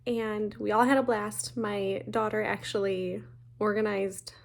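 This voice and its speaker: A woman, chatting casually in a stitching vlog, talking fast and rambling with many ums and restarts. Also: mid-range voice, level tone, vocal fry. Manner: talks fast. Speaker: flosstube host.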